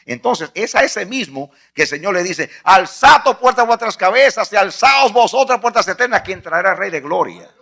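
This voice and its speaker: A male pastor preaching a sermon, emphatic, repeating phrases and swinging from hushed to loud. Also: high-pitched, animated, normal speed, gravelly, few pauses.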